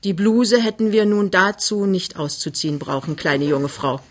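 A reader voicing a skeptical, tired middle-aged doctor who speaks in a raised, pressing, hurried way. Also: mid-range voice, natural voice. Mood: brisk.

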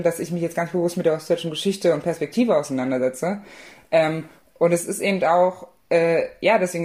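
A young woman with a notably low voice talks through her thoughts as a podcast guest. She hesitates often and restarts her sentences. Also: a little mellow. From eastern Germany. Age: young adult. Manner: hesitant, many fillers and restarts. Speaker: author guest. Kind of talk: conversational podcast interview.

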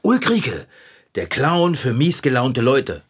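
A woman's voice: rumbling low, very animated, slow pace, breathy edge, full character voice. A woman voicing a friendly, helpful bicycle shop owner in a children's radio play, speaking in a kindly, slightly hesitant, soothing way.

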